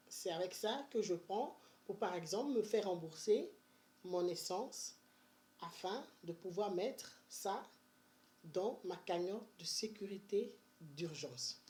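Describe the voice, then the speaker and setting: Woman vlogger, Benin-born, chatty and energetic, casual advice talk. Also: medium pitch. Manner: chatty and energetic, with many fillers and restarts. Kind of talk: casual money-saving advice vlog.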